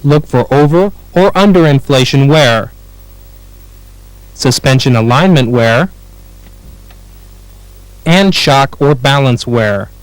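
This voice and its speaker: An American man narrates a scripted training film, his instructional reading clear and measured yet animated. His voice is mid-range, and the low-quality recording is dry.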